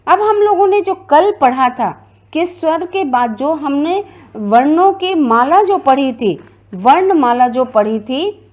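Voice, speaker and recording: A woman's voice: high-pitched, animated, slow pace, a little mellow, highs cut off. A woman teacher giving a classroom grammar lecture, explaining step by step and repeating her points.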